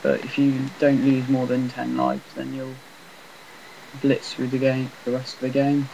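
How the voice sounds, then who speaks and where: A man talks over his gameplay in a rambling, self-deprecating way, with a flat, monotonous delivery. His voice has a gravelly rasp, and the cheap laptop mic picks up a faint hiss behind him. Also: mid-range voice, measured pace, poor audio. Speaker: gameplay commentator. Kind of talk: casual game commentary.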